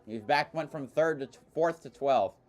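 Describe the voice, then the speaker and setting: Man, livestream host, race reaction, casual, bursts of excitement, fairly high voice. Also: normal speed. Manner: casual, excited outbursts at racing action. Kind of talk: live race reaction commentary.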